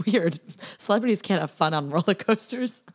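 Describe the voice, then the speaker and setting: A woman's voice: mid-range voice, animated, moderate pace. A young woman with a slight lisp, chatting as a podcast guest, bubbly, laughing often and wandering off on tangents. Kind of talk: casual chat.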